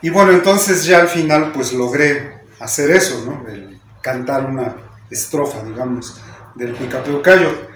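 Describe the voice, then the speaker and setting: A man's voice: mid-range voice, measured pace, a bit bright, echoey room, slight background noise. A man with a Mexican accent teaching a class, explaining patiently and often ending sentences with a questioning "¿no?". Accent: Mexican Spanish. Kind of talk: lecture to a class.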